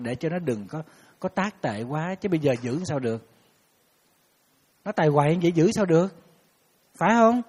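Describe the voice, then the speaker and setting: A monk giving a casual dharma talk, telling stories in an animated way and acting out the people who call him. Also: male voice, a little high, husky. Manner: animated storytelling, acting out callers. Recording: hall reverb.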